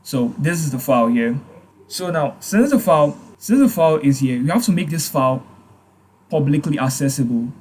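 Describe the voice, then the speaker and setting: A man hosting a casual software tutorial, hesitant, with many fillers and restarts. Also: fairly high pitch, animated, moderate pace, slightly rough. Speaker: tutorial host. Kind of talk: casual screen-recorded tutorial.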